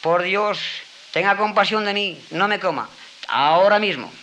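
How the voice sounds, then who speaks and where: A man voicing a clever female fox in a spoken folk tale, high and loud as she begs and reassures. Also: big pitch swings, a little fast, slight background noise. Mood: pleading.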